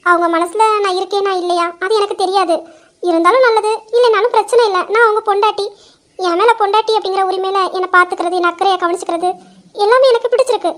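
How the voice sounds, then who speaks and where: A young woman telling a dramatized story, speaking in a soft, earnest and protective way. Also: extremely high pitch, fairly even intonation, quick pace. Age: young adult. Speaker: narrator voicing a young wife.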